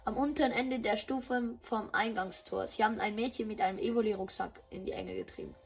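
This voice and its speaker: A woman voicing a bubbly, eager schoolgirl in a game dub, talking excitedly. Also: mid-range voice, fairly quick, far from the mic. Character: cheerful eager schoolgirl champion. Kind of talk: dubbing game dialogue.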